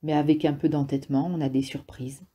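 A woman's voice: sits low, level tone, brisk, warm tone, breathy edge. A woman reading a sober, reserved doctor. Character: serious, reserved male doctor.

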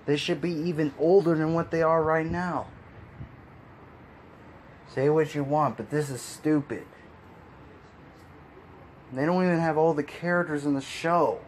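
A video commentator rants in frustration and exasperation, sighing, laughing, and repeating himself as he gives his opinions. His voice is a little high with a steady tone, moving at a measured pace with frequent pauses. There's a little hiss or hum in the recording.

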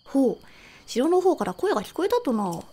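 A woman reading a mysterious, sage-like old man's lines in slow, archaic elder speech while streaming a game. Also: high-pitched, very animated, over music. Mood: solemn. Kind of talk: reading a game character's lines during a live commentary stream.

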